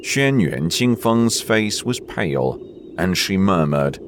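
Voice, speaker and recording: A man narrating a story in a slow, expressive reading voice. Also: sits low, noisy background.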